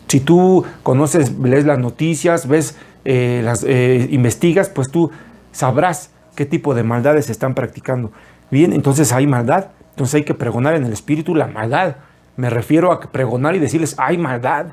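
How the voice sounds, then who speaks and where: Preaching to his online channel, a man with a fairly high, darkish voice delivers an earnest sermon meant to teach. He explains things carefully and lists out words.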